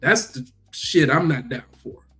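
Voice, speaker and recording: A man co-hosting a casual podcast panel, his voice a bit high for a man. He talks through the news loosely and conversationally while faint music sits underneath. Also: expressive, unhurried, bright, forceful tone. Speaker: podcast co-host.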